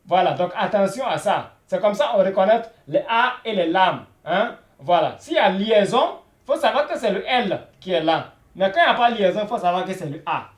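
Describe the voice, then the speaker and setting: A man's voice: high voice, expressive, brisk, hardly any pauses. A man teaching a beginner Arabic lesson, repeating each word and checking in with frequent "voilà" and "hein?". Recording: echoey room.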